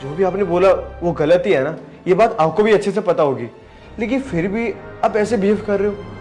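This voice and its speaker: A young man plays a respectful younger brother who pleads in earnest and gently reproaches. His voice sits a bit high. Soft music runs behind him. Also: moderate pace, close to an everyday voice. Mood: pleading. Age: young adult. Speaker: younger brother in a family skit. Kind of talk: scripted family drama skit.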